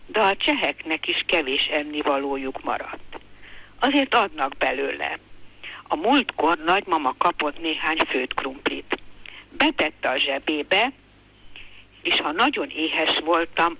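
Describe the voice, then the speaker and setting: An older woman reading a passage from her own memoir aloud in a calm, measured way. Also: sits low, rough recording.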